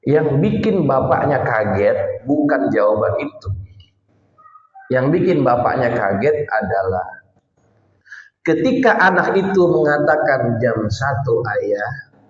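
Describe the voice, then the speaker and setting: Casting note: male preacher, slow storyteller who speaks directly to the listeners, echoey, slightly dull recording. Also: on the high side, sing-song. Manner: addresses congregation directly, dramatic pauses. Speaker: Islamic preacher. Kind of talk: storytelling sermon. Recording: roomy, slightly muffled hall recording.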